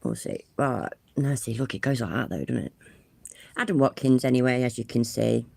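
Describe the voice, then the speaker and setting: A chatty woman with a cold hosts a casual livestream on her phone, swearing without restraint and being self-deprecating. Her bass voice is animated, creaky and darkish at a moderate pace, with no echo.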